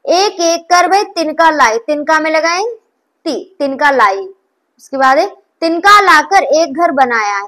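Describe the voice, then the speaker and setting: Patient, high-voiced woman teaching young children. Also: fairly bright tone. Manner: patient, repeats and checks with "theek hai". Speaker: primary school teacher. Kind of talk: Hindi phonics lesson for young children.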